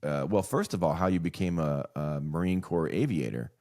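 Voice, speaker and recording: A man's voice: sits low, moderate pace, darkish tone, no echo, studio quality. A man hosting a podcast interview, asking questions in a casual, easygoing way. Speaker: podcast host.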